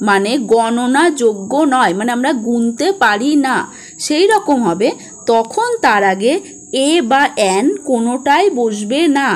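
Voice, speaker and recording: Lively-voiced woman teaching grammar, patient and clear. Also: fairly high pitch, a little slow. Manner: patient explaining, spelling out words. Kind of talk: spoken grammar lesson.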